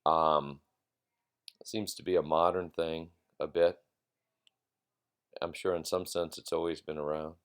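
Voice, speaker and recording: Deep-voiced man giving a reflective lecture. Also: little pitch movement, smooth. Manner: halting, reflective, repeats phrases for emphasis. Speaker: philosophy lecturer. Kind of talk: informal recorded lecture.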